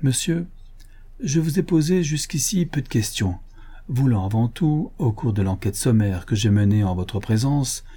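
A man's voice: medium pitch, expressive, moderate pace, warm tone, slightly rough. A man voicing a formal male deputy prosecutor in an audiobook, speaking in a stiff official way. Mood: stern.

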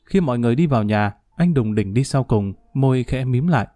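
A man narrating a crime story in a steady, measured storytelling voice. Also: medium pitch, dry recording, studio quality.

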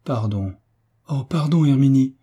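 A man's voice: mid-range voice, normal speed, dark tone, husky, highs cut off, lightly acted. A man reading the part of a young orphaned heiress who pleads earnestly in a storybook reading. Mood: pleading. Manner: earnest, imploring.

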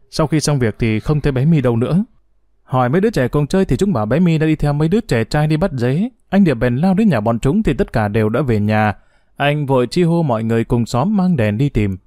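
Male story narrator, warm dark tone, dead-dry studio read. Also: medium pitch, no room sound. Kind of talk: scripted narration.

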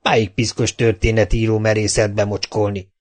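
A man reading an audiobook voices a proud, gruff medieval Hungarian warlord who growls his lines in indignation. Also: on the low side, little pitch movement, a little mellow, close to an everyday voice. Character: bold mighty medieval Hungarian male warlord.

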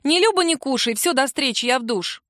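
Female narrator as a cheeky young man, high for a guy, playful and insistent. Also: lively intonation, brisk, fairly bright tone, no room sound, studio quality. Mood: cheerful. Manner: teasing, cheerfully pushy. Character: cheeky cheerful young man, teasing friend.

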